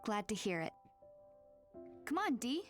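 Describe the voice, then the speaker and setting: An actress playing a plucky, friendly teenage girl in a video game dub, earnest and clearly spoken. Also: on the high side, sing-song, a little slow, soft background music. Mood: cheerful.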